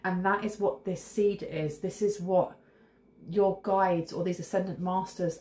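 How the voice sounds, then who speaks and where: Her voice warm and on the low side, a woman in her thirties chats to camera during a casual tarot reading in her home kitchen. She sniffles with a cold and rambles intuitively with asides, recorded in an echoey room carrying a faint hiss.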